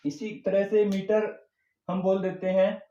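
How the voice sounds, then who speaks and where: A man's voice: sits high, little pitch movement, warm tone. Hindi-speaking male tutor in an echoey room. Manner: explains slowly, repeats terms, mixes English into Hindi. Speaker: English tutor. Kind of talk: classroom lecture. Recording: echoey room, dull lo-fi sound.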